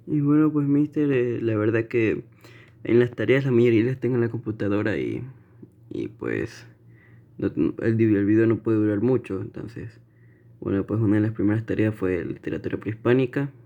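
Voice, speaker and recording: A man, a student, reads his class notes aloud haltingly, with frequent restarts and fillers, then shows his assignments. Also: on the low side, creaky, narrow, tinny audio. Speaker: student presenting his portfolio.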